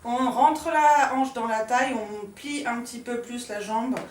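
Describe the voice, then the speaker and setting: A woman's voice: a little high, measured pace, far from the mic, a little hiss or hum. Woman teaching dance in an echoey room. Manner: calm, demonstrating moves while counting out accents with "pam" and "tac". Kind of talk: step-by-step dance lesson.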